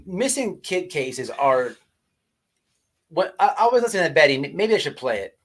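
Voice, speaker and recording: Pitched on the high side and very animated, the livestream host talks at normal speed. His casual chat with viewers is full of profane slang, rants, stammers, and repeated words.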